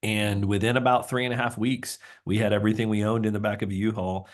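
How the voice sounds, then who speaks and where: Brief: middle-aged male pastor, low-pitched, earnest testimony with frequent restarts. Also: level tone, fast. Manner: earnest and confessional, many restarts. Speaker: pastor, interview guest. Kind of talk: candid personal testimony.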